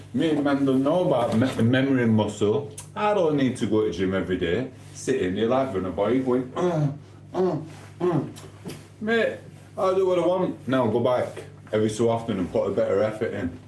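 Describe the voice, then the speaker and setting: A middle-aged Sheffield man with a Yorkshire accent and a deep, darkish voice livestreams late at night from his kitchen, bantering, rambling and mock trash-talking. The low-quality recording sounds echoey, with a little hiss or hum.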